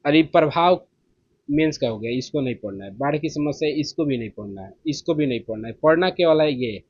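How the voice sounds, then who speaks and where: A chatty man talks students through exam topics in a fairly high voice. He keeps checking in as he goes. The sound is dry and a bit muffled. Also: lively intonation, a little fast, darkish tone, breathy edge, dry recording. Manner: chatty, repeats "theek hai" after each point. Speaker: exam coaching teacher. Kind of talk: casual exam-prep lesson. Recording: slightly muffled dry recording.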